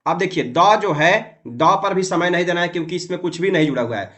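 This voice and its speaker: A man teaching how to read and memorize Vedic mantras, explaining patiently and chanting the syllables slowly and drawn out. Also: high voice, animated, fairly bright tone. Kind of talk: recitation lesson.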